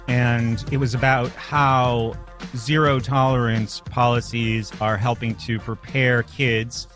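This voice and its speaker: A man's voice: medium pitch, a bit bright. Casual male podcast host, self-deprecating. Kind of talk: casual solo podcast monologue. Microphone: studio microphone through a mixer.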